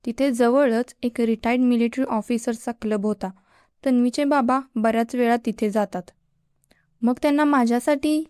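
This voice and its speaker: Calm woman narrator with a smooth, warm voice. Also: on the high side, normal speed, no echo, studio quality. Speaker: story narrator. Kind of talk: scripted storybook narration.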